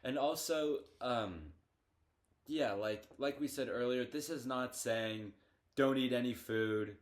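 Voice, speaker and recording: Teen guy chatting, halting and loose. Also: medium pitch. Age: teens. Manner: hesitant, lots of fillers and restarts. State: hiccups. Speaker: podcast co-host. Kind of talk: casual chat.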